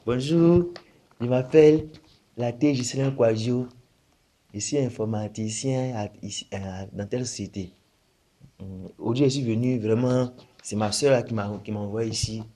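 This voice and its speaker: A polite, hesitant young newcomer, as a man acts him out, introducing himself in a mild, ordinary voice. He pauses between phrases. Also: mid-range voice, warm tone, close to an everyday voice.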